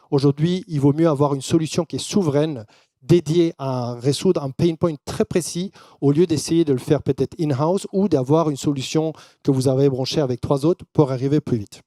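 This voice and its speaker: A man with a foreign accent in his French, a non-native speaker presenting to a business audience. His voice is slightly high and mellow, with a dry, close sound. He mixes English jargon into his loosely built sentences. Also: no room sound. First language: not French. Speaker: conference speaker.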